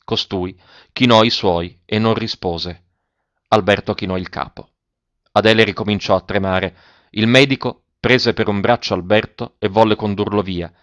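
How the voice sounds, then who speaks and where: A man narrates a novel in a measured, grave reading. His voice sits low. The sound is dry with no room echo, and the recording is somewhat dull. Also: a bit bright. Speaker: audiobook narrator. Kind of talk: scripted narration.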